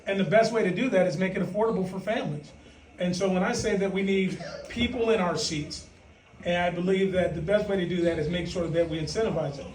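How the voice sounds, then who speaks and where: High-pitched man in an echoey room. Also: fast, a little mellow, distant mic. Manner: playful, boastful, banters. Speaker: podcast co-host, team representative. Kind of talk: casual chat.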